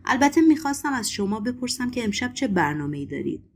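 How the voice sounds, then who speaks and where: A woman voicing a mysterious foreign man who talks in a calm, assured and cryptic way in an audiobook. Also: on the high side, a little hiss or hum, pitched above the performer's own voice.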